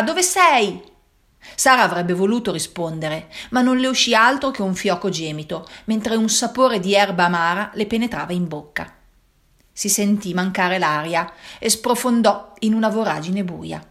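A woman narrating a children's story as scripted reading, in a dramatic, suspenseful manner. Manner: dramatic, suspenseful reading that jumps high for shouted lines.

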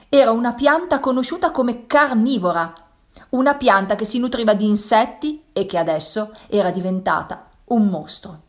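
A woman narrating a children's story as scripted reading, in a dramatic, suspenseful manner. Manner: dramatic, suspenseful reading that jumps high for shouted lines.

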